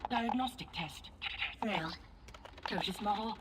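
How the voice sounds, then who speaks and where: A woman's voice: medium pitch, measured pace. A woman voicing a malfunctioning female security construct, speaking in clipped, glitching error reports and whispered status lines. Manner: terse machine status reports, some whispered. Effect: glitching robot voice, clipped error announcements. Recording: game audio with loud background noise.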